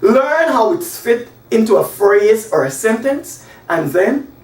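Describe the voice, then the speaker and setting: In an echoey small room, a camera placed across from the whiteboard records a Guyanese teacher in his forties from a distance. He has a high voice and leads an English lesson with lively gestures. His example sentences come out slowly, spelled out with heavy emphasis.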